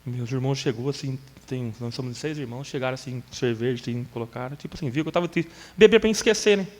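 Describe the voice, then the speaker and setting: Telling his story at length in an interview, a middle-aged man shares his church testimony with deep emotion and earnestness, crying and shouting when overcome. He speaks fast in a medium-pitched voice, with a long reverb tail.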